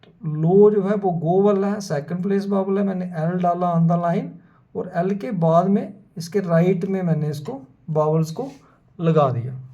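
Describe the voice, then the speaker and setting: Slow gravelly shorthand teacher. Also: male voice, high-pitched, warm tone. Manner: methodical, repeats words slowly for students. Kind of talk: whiteboard lesson explanation. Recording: dull lo-fi sound.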